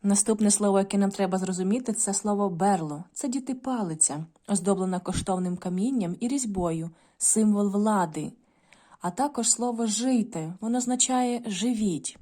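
Mellow woman teaching a children's lesson. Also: mid-range voice, fairly quick. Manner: patient, instructive, often addressing the children directly. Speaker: primary school teacher.

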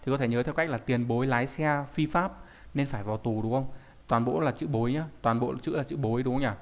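Talking fast in a plain mid-pitched voice, a male instructor leads an online Japanese lesson. He breaks each point into steps and keeps posing rhetorical questions to check understanding.

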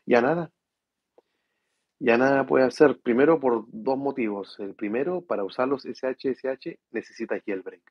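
A tired man, hosting a casual tech livestream from home and speaking softly so his sleeping kids don't wake. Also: medium pitch, normal speed, husky, dry recording, muffled recording. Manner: speaks softly to avoid waking his children. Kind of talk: casual live chat reading viewer questions. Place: room at home at night.

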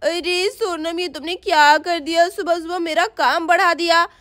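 Brief: woman playing a harried village mother in a storybook doll tale; scolding but fond, talking fast. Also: extremely high pitch, fairly even intonation, a bit bright. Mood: hurried. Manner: scolding, hurried.

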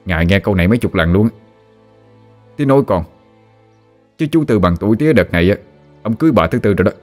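A man's voice: lowish voice, expressive, fast, darkish tone, soft background music, natural voice. A man voicing an exasperated son in his thirties, protesting.

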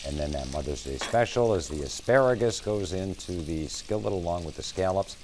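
A man's voice: low-pitched, animated, a little fast, noisy background. An older man anchoring a TV news kitchen segment, chatty and upbeat, on a lapel mic in a studio kitchen set.

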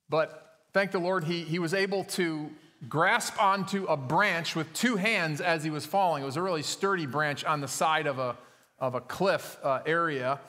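A man's voice: fairly high pitch, sharp tone. A male pastor preaching a sermon in a conversational way, with frequent fillers and self-corrections, recorded in a church sanctuary. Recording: long church hall reverb.

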